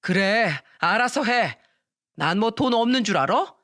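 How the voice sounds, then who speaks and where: A woman's voice: fairly high pitch, animated, unhurried, fairly bright tone, no echo, clean studio sound. Woman doing a stingy, dismissive husband. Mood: scornful. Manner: curt, dismissive. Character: stingy money-obsessed middle-aged husband, cold.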